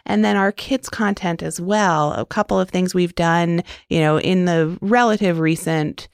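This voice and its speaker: Earnest woman guest; low-set, resonant voice with some fry; warm enthusiasm, casual fillers. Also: a little slow, dry recording, studio quality. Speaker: interview guest. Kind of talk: conversational interview answers.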